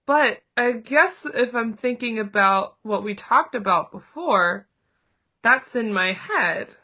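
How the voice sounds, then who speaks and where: A woman playing Piglet, a slow, hesitant, anxious little pig. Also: on the high side, bright, forceful tone, exaggerated voice. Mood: worried, reflective. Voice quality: stammering. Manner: hesitant, timid, halting. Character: small anxious piglet, timid, self-doubting, eager to try. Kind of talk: role-played therapy client in character.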